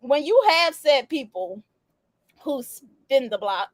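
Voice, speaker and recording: High-voiced laughing woman hosting. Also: lively intonation, takes it slowly, no echo. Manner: laughs often, slangy and loose. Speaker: podcast host. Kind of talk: casual chat.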